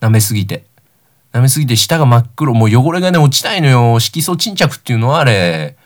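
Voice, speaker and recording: A man's voice: mid-range voice, very animated, brisk. A young man, about nineteen, hosting a solo comedic talk show and telling rambling, self-deprecating stories. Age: young adult, about 19.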